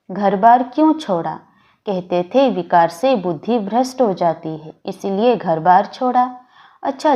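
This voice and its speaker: A woman reads a spiritual discourse aloud in a measured, deliberate recitation. She speaks very slowly and evenly, at a middle pitch. The recording is dull and lo-fi. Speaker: reader of a daily spiritual discourse.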